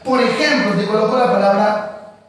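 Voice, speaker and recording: Man, teacher, recorded lesson, deliberate explaining, roomy echo, distant mic. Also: high voice, slight background noise. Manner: slow, deliberate explaining with examples. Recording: echoey room, voice far from mic.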